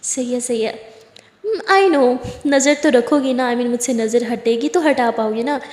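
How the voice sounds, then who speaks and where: A woman's voice: on the high side, unhurried, darkish tone, lightly acted. A woman voicing a playful, teasing middle-aged maid who is wistful about an old love. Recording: echoey room with long reverb.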